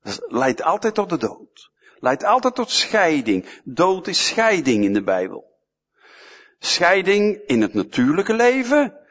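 A man's voice: high-pitched, huge pitch swings, slow, a bit bright. A man preaching a sermon, emphatic and fond of repeating short phrases, in a church hall, with a dull, echoey sound.

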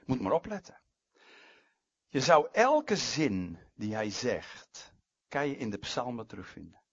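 A husky-voiced male preacher delivering a sermon, leaning hard on some words and dropping to near-whispers on others. The recording is dull and lo-fi with a dry, close sound. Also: medium pitch, sing-song, measured pace, no room sound. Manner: emphatic, swinging between loud stresses and quiet asides.

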